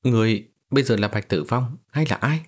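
A man's voice: mid-range voice, brisk, natural voice. A man reading a storybook voicing a nervous young male cultivator who asks alarmed questions.

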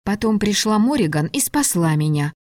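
A woman's voice: medium pitch, expressive, normal speed, darkish tone, no echo, clean studio sound, close to an everyday voice. Frightened young captive, urgent and pleading, voiced by a woman reader. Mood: anxious, pleading.

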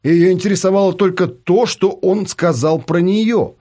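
Husky, expressive male narrator. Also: high voice, normal speed. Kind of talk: audiobook narration.

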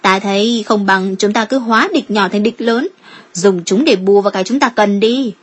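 A woman voicing an eager young female guild member with brisk, persuasive talk. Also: mid-range voice, slightly rough, close to an everyday voice.

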